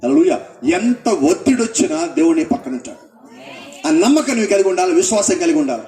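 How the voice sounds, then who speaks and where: A man's voice: high voice, big pitch swings, fast, warm tone, roomy sound, recorded from a distance. A male pastor preaching a sermon, asking the congregation questions and acting out what people say.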